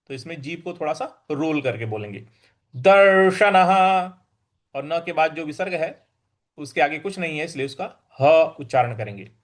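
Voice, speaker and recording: A man teaching a recitation lesson, repeating each word slowly and drawing out syllables as he chants verses. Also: on the high side. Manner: slow, careful, drawn-out syllables in chanted verse; repeats words for practice.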